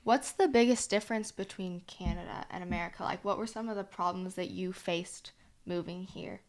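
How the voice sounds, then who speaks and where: A woman's voice: on the low side, normal speed, darkish tone. A young woman hosting a casual interview podcast, asking questions steadily and laughing along. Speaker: podcast host.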